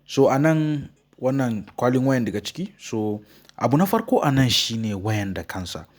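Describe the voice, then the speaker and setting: A male tech reviewer with a Nigerian Hausa accent. He presents an unboxing as a channel host, walking viewers through a product. His voice sits at a middle pitch. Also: lively intonation, normal speed. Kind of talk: phone unboxing and review narration.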